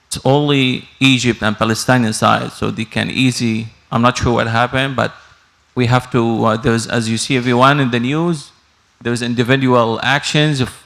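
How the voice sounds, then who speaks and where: Gravelly-voiced man asking haltingly. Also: mid-range voice, fairly bright tone. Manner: halting, with many pauses. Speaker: audience member. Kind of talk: asking a question at a community Q&A. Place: mosque hall.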